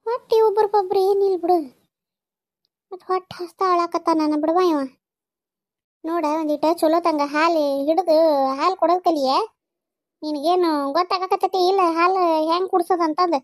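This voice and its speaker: A fussing village grandmother, voiced by a woman in a cartoon, talking in a North Karnataka accent. The voice sits high and is recorded bone-dry, with no room sound. She chatters and scolds as she frets over the baby. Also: fairly even intonation, moderate pace, long pauses, no room sound. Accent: North Karnataka Kannada. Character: fretful village grandmother, doting on crying baby. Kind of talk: cartoon voice acting.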